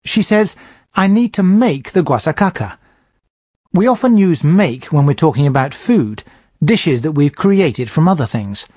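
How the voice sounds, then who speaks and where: A teacher, a man, explains vocabulary in a steady scripted lesson. His voice is a little husky and his pitch sits on the high side with a lively, varied melody. The sound is dry and close. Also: no room sound. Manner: clear, measured explaining. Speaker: English teacher.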